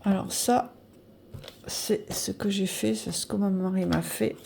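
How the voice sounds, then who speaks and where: A woman in her fifties talking casually to camera through her weekly budget, a bit nasal, chatty and hesitant, filling pauses while she adds up sums aloud. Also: medium pitch, steady tone, vocal fry, warm tone, slight background noise. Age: 50s. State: nasal from air conditioning. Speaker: budget vlogger.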